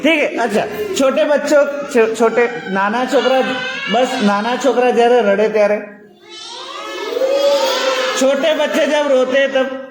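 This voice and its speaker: A man's voice: very high voice, a little slow, long pauses, a loud crowd. A man with a Gujarati accent teaching a class of young children, coaxing and encouraging them as he mixes two languages. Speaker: primary school teacher. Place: large classroom full of children. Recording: echoey hall with loud children noise.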